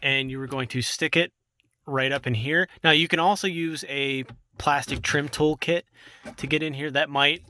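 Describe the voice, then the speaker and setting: A man's voice: a little high, moderate pace, no room sound. A young man hosting a casual how-to video, explaining step by step from inside a car while working with his hands. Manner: relaxed, chatty, talks while working with hands.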